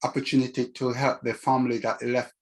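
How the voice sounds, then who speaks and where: A man's voice: medium pitch, little pitch movement, quick pace. Older caribbean guy chatting in an interview, community activist type, thinking back as he talks. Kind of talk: reflective interview talk.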